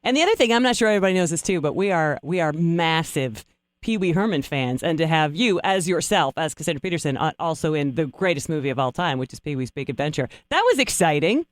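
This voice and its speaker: A woman's voice: deep voice, lively intonation, fast, dry recording, clean studio sound. A woman co-hosting a podcast in casual, chatty conversation. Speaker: podcast co-host.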